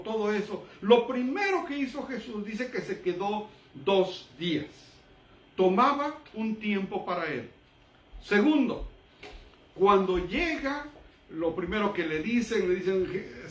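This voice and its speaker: A man preaching a sermon who reads Bible verses aloud and explains them, pausing for emphasis. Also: sits high. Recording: echoey room, voice from a distance.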